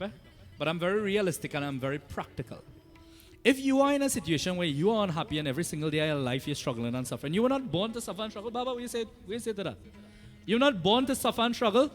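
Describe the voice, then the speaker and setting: High-pitched Trinidadian man preaching. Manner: animated storytelling with rhetorical questions and "eh?" tags. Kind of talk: conversational sermon to devotees.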